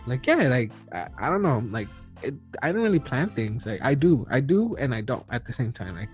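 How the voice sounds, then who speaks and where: Very animated and brisk, this man in his early thirties chats casually on his podcast, rambling with plenty of fillers and restarts. His voice is mid-range, and soft music plays underneath.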